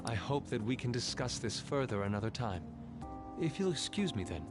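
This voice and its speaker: A man acts out a proud young male art student from a video game, an anime rival with formal, theatrical diction. His delivery swings widely in pitch and is fiercely loyal in temper. Clear music plays behind him. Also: very animated, moderate pace, lightly acted. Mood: earnest, formal. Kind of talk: English video game voice acting.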